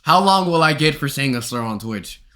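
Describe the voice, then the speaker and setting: A man's voice: fairly high pitch, expressive, normal speed, noisy background. A young man chatting casually and ramblingly with his viewers as a live streamer, talking into his streaming mic. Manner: rambling and slangy, calls viewers bro and y'all.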